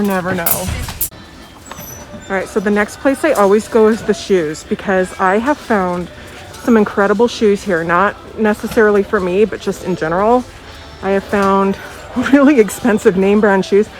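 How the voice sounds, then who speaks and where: An American woman chatting casually as a vlogger, her voice muffled by the face mask over her mouth. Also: mid-range voice. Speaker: vlogger, doll dealer. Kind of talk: casual chatty vlog narration. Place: inside a thrift store. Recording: muffled voice, faint background noise.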